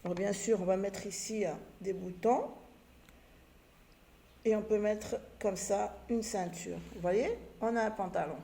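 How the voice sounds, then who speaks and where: A woman teacher giving a patient lesson to young children, sounding out syllables slowly one by one. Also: mid-range voice, steady tone, creaky, mellow, a little hiss or hum. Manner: slow, patient, spells out syllables. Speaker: primary school teacher. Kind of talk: recorded home-learning lesson.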